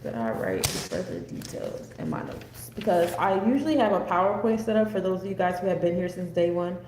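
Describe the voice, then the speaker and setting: This American woman's fairly low, darkish voice moves briskly and swings widely in pitch. She's presenting an astrology forecast as a casual, unscripted lecture that meanders conversationally. The recording has an echoey room and faint background noise.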